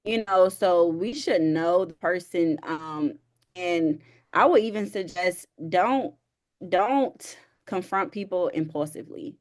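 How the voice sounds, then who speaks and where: A woman who works as a therapist and counselor, giving calm, measured advice step by step in a conversation. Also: lowish voice.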